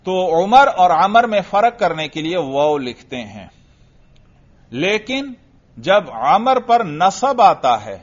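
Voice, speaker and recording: A man teaching an Arabic grammar lesson in Urdu, quizzing his students and slowly reciting example sentences. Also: sits high. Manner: drills students with questions, slow emphatic recitation of examples. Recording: dull lo-fi recording.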